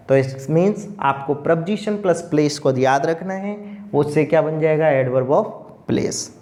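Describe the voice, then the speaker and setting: A man teaches an online grammar class. His voice sits a little high, and he talks at a very slow, deliberate pace. He keeps asking the class a question and then answering it himself. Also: darkish tone. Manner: slow, drawn-out explaining, asks questions and answers them himself.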